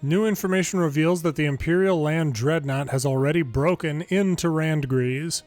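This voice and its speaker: With game music in the background, this man reads video game story dialogue in the style of an amateur longplay narrator and makes casual side comments. He speaks at a normal speed in a somewhat high, slightly mellow voice.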